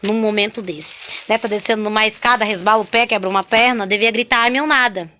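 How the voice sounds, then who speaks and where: Bright-voiced woman giving a chatty testimony. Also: mid-range voice, quick pace. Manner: chatty, constant "né?" and "sabe?" tags; animated, swings between loud and hushed. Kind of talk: spoken religious testimony.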